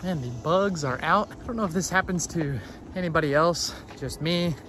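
A man's voice: fairly high pitch, moderate pace, fairly bright tone, slight background noise. A man rambling casually and playfully to his vlog while he runs along an outdoor trail. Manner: talking while running outdoors. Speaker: vlogger.

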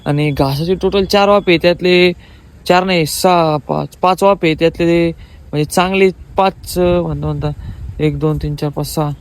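A man's voice: on the high side, fairly even intonation, normal speed, clear, resonant tone. A young man casually vlogging around his rural farm, chatting to his viewers as friends on a handheld phone. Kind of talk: casual vlog chat. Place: rural farmyard and fields, outdoors.

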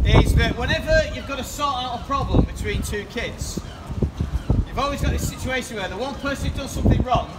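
A man, preaching in the open air and chatting directly with passers-by, asking them questions. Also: extremely high pitch. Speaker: street preacher. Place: rainy town-centre pedestrian street, outdoors. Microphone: far camera across the street. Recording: distant street recording with loud outdoor noise.

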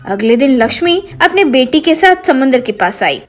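A woman narrating a comic cartoon story in a steady storytelling manner. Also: high voice, normal speed. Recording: faint background music.

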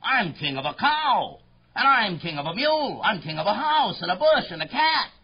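Yertle the Turtle, pompous high-voiced tyrant king. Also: sing-song, slow, slightly rough, highs cut off, exaggerated voice. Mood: angry, domineering. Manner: grandiose, bellowing, imperious. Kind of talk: theatrical children's story acting.

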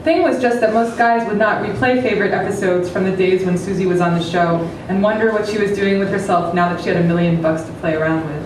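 A reader in her thirties performs satirical fiction dramatically at a literary event, speaking fast at medium pitch with hardly any pauses. She's on stage in a small room with an audience, and the table microphone on a stand sits far off, leaving the recording noisy and very echoey.

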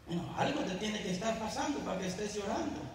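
A man's voice: high voice, animated, fast talker, a little hiss or hum. A man voicing a flustered young husband who coaxes and reassures, in an echoey hall. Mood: pleading. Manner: coaxing, reassuring. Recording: echoey church hall, mic at a distance.

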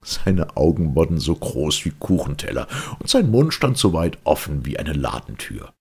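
A man with an extremely deep, very husky voice and a gravelly creak narrates a fairy tale for an audiobook at normal speed. His reading is lively, storybook-like and full of theatrical expression.

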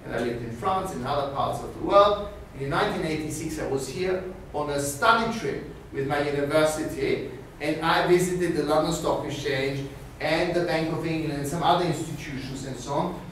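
A middle-aged Austrian man gives a finance lecture at a normal speed, his pitch slightly raised as he gestures widely and keeps tossing in "okay?". A far-off camera records him in a small, very echoey classroom with a screen and whiteboard. Faint hiss lies beneath the audio.

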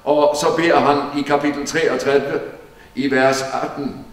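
An earnest man preaches with steady emphasis, his fairly high voice picked up from a distance. The church hall rings with a long, roomy echo around every phrase. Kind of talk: sermon Bible teaching. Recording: echoey church hall from far off.

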